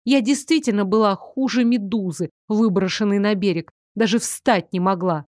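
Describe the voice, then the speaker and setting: A woman narrating a first-person fantasy novel in a steady, expressive storytelling voice. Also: medium pitch, normal speed, no room sound, studio quality. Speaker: audiobook narrator.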